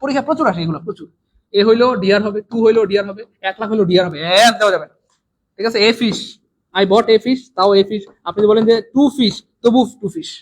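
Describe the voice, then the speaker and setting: A man with a Bangladeshi Bengali accent teaching an English exam lesson live online, repeating and drilling words and swinging between loud and soft. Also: sits high, fast talker, rough recording.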